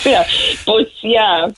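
A woman's voice: fairly high pitch, slight background noise, low-quality recording. A woman with a West Cork Irish accent, chatting casually as a caller to a radio phone-in. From Ireland, County Cork.

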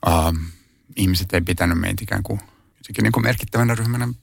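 A man's voice: low voice, vocal fry, slightly rough, no echo, clean studio sound. A man who is an animal rights activist, answering interview questions in a thoughtful, hesitant way with many fillers and restarts.

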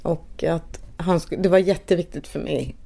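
A middle-aged woman gives personal testimony in a hesitant, soft-spoken way, often pausing and starting her sentences over. Her voice sits low and has a gravelly, creaky edge. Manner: halting, soft-spoken, with pauses and restarts. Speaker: interviewee, bereaved mother. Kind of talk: personal testimony in a documentary podcast.

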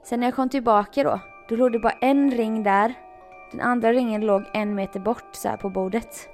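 Animated storytelling woman, higher voice. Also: soft background music. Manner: animated storytelling, frequent laughs. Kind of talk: casual chat.

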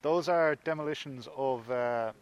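Formal army officer, mid-pitched. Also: male voice, unhurried, dull audio, noisy background. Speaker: army lieutenant. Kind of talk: formal technical explanation.

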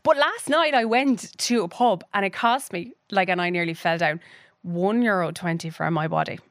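A woman's voice: fairly low pitch, moderate pace, dry recording, studio quality. Young woman with a west of Ireland Kerry accent. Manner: informal and chatty, heavy use of "like". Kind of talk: casual chat.

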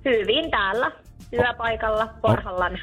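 A woman calling into a radio morning show as a quiz contestant, answering briefly and relaxed. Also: a little high, husky, faint music behind. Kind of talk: phone call-in chat.

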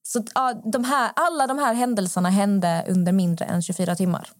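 A woman's voice: medium pitch, background noise. A woman podcast host, telling stories in casual chat and acting out the people in them. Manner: animated, acts out the people in her stories.

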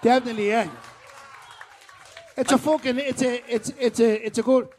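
A man's voice: very high-pitched, steady tone, normal speed, a little mellow, some chatter behind, a little hiss or hum. A middle-aged man with a Dublin Irish accent, bantering bluntly and swearing freely at a live podcast. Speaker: speaker on stage at a live podcast. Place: live podcast show at a festival.

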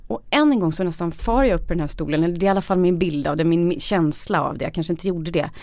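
A woman's voice: lowish voice, a little mellow, dry recording. A middle-aged woman, an interview guest, telling a personal story frankly and with feeling. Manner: frank, emotional, acts out quoted dialogue.

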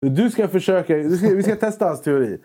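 A man chatting casually on camera, joking and jumping into things with quick restarts. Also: sits high, lively intonation, dark tone, slightly rough. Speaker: vlogger. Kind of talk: casual chat.

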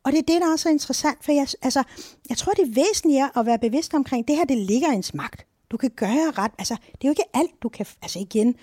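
A woman co-hosting a podcast, explaining mood psychology in a lively, talkative way, often ending with tag questions. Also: high-pitched, few pauses, no room sound, clean studio sound. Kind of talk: casual explanatory chat.

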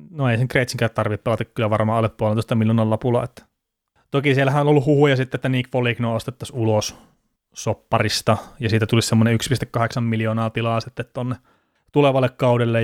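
A man's voice: mid-range voice, little pitch movement, no room sound, clean studio sound. A man hosting a casual sports podcast, chatty and rambling, laughing now and then. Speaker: podcast host.

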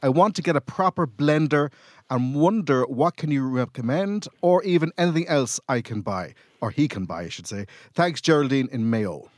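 Male, mid-range pitch, casual reading of listener mail, dry sound. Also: lively intonation, moderate pace, a little mellow, dry recording. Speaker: podcast contributor reading listener questions.

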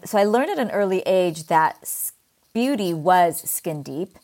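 Over a video call, a middle-aged skincare brand founder from California guests on a podcast, her lowish, slightly mellow voice animated but a little slow. Her Valley girl accent colors a casual, emphatic chat.

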